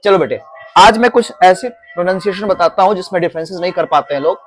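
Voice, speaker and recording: A man's voice: sits high, fast talker. A man teaching pronunciation to a class in a coaching classroom, asking questions and repeating them, calling the students "beta". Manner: repeats his own questions to drill the class.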